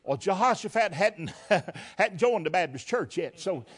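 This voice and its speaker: High-voiced man preaching fervently. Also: lively intonation, unhurried, breathy edge. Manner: fervent, folksy, rhetorical questions, repeats words. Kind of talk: sermon.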